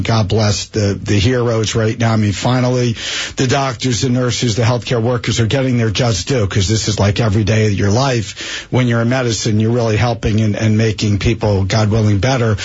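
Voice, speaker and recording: A man's voice: mid-range voice, slightly rough, dull audio. A man hosting a radio show, chatty and friendly, asking long rambling questions of his guest. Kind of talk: radio interview.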